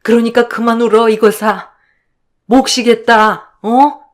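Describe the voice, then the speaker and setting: A woman voicing a gentle, resigned older mother in a radio drama, soothing her daughter. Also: fairly high pitch, fairly even intonation, slow pace.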